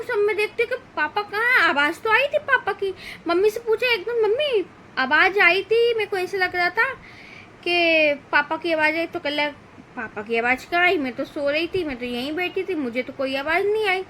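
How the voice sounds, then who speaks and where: A woman's voice: very high voice, pushed and bright, a little hiss or hum. A woman vlogger telling a personal family story in a chatty, emotional way, straight to her viewers. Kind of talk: casual storytelling to camera.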